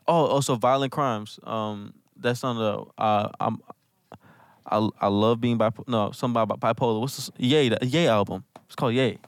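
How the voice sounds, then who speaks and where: A man's voice: medium pitch, normal speed, no echo. A young man talking as a guest artist in a casual podcast chat, enthusiastic and insistent.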